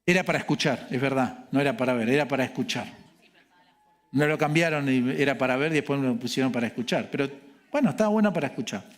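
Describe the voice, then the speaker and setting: A man's voice: mid-range voice, fast talker. A male pastor with an Argentine accent preaching a sermon in a conversational way, asking rhetorical questions and adding joking asides. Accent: Argentine Spanish.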